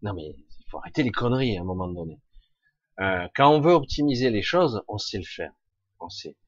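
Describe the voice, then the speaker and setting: A man with a raspy, scratchy-throated voice delivers an opinionated, informal monologue. His intonation swings widely as he hammers his points with rhetorical questions and blunt slang. The sound is dull and lo-fi. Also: lowish voice, animated, a little fast, no room sound. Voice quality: husky, raspy. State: throat scratchy with occasional coughing. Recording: dull, lo-fi close recording.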